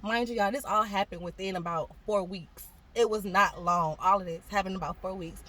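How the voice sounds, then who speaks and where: Young woman, guest storyteller, fast and lively delivery, acts out quoted voices. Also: mid-range voice. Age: young adult. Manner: animated, acts out quoted voices, laughs often. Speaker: guest telling her story. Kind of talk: casual storytelling.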